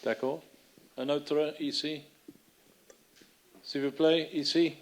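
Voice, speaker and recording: A man with a foreign accent in French, not a native speaker, moderating a conference and searching haltingly for his words. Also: on the high side, steady tone.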